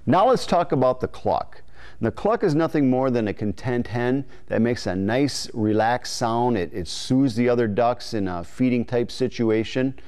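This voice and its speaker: A man in his forties presents an instructional video in a clean, smooth voice at a medium pitch. He explains things step by step in an informal, folksy way, like a practical instructor talking straight to the learner. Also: lively intonation, moderate pace, a little mellow. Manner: folksy, informal, imitating call syllables as he explains. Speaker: duck calling instructor. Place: indoor studio in front of a green-screen backdrop. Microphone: lapel mic.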